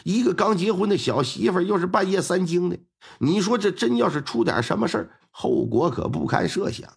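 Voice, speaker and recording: A male storyteller performs a traditional crime tale with lively, swooping intonation. His voice sits a little high and has a gravelly, husky texture, and he delivers the story in a colloquial, chatty way. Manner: lively, colloquial, with drawn-out sentence-final particles.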